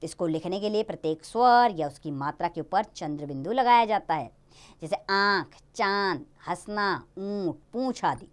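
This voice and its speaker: A woman teaching a Hindi grammar lesson to young children in a lively, sing-song way. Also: medium pitch, normal speed.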